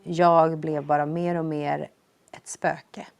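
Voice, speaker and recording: A young woman with a low voice telling her own life story in an earnest, reflective way, raising her energy when she re-enacts quoted lines. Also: little pitch movement, vocal fry, a little mellow, smooth, no room sound. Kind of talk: personal storytelling testimony.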